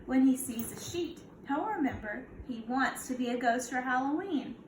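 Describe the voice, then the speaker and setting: Reading a picture book to young children, a kindergarten teacher uses a high voice with lively intonation at a normal speed. She teaches by posing questions to them, in an echoey space with clear background noise.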